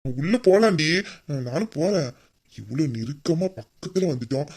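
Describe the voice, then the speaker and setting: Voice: animated, normal speed, slightly rough. A voice actor playing a teasing young husband. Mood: coaxing. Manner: teasing, coaxing, drops to soft low murmurs. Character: playful teasing young husband, affectionate and persistent. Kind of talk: romantic audio drama.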